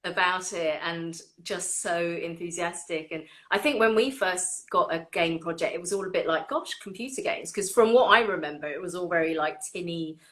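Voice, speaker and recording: A woman hosting a casual chat, animated and laughing often as she tells stories. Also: on the low side, moderate pace, few pauses. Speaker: orchestra violinist and host.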